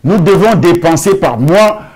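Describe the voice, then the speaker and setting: A pastor preaching a sermon and telling a testimony, with emphatic, drawn-out phrasing and rhetorical questions. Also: male voice, sits high, lively intonation, a little mellow, breathy edge. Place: church hall.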